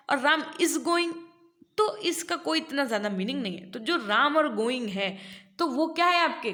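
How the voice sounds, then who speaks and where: High-voiced Indian woman teaching in an echoey room. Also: a bit bright. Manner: explains in Hindi, reads English text slowly aloud. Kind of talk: online lecture.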